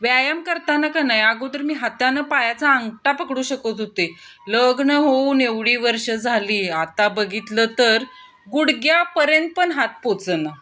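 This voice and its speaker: A middle-aged wife from a spoken joke, complaining and aggrieved, piling up exaggerated grievances. Her voice is high and bright, with a woman doing the part herself. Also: lively intonation, a little slow.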